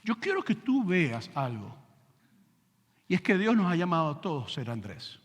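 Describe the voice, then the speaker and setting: A man preaching a sermon as pastor, animated, asking rhetorical questions and acting out scenes. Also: on the high side, normal speed, breathy edge. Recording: long church hall reverb.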